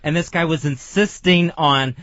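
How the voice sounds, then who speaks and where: Fairly high-voiced man on radio. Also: normal speed, a bit bright, dry recording. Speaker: radio host. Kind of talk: casual radio storytelling. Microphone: studio microphone. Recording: dry, dull lo-fi radio audio.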